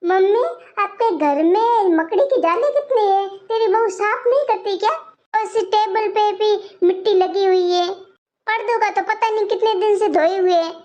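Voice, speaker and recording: Performer doing a shrill, bossy grown daughter, nagging and scolding, comic family skit. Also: moderate pace, a little mellow, dull audio. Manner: scolding, complaining.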